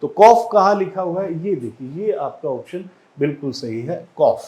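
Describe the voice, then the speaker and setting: A man with an Indian accent teaching an exam-prep English lesson, explaining slowly and repeating each word for drill. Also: fairly high pitch, expressive, dark tone.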